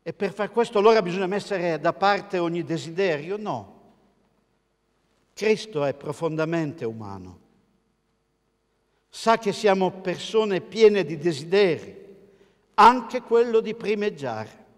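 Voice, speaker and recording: An older man with an Italian accent preaches from the pulpit in a fairly high voice. His delivery is measured and emphatic, and he poses rhetorical questions to the congregation. His voice carries a long reverb through the large church. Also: expressive. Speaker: pastor. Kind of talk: sermon. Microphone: pulpit mic, filmed by a camera across the church.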